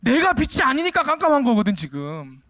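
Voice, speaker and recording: High-voiced emphatic male preacher. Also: wildly swooping pitch, a little fast, a bit bright, no room sound. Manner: emphatic preaching, rhetorical questions to the congregation; rises sharply for emphasis. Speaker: pastor. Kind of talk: sermon. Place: church service.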